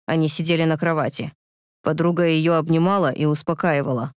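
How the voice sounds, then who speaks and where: A man narrating a dramatic audiobook with forceful, emotional delivery. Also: fairly high pitch, steady tone, brisk, clean tone, no echo, studio quality.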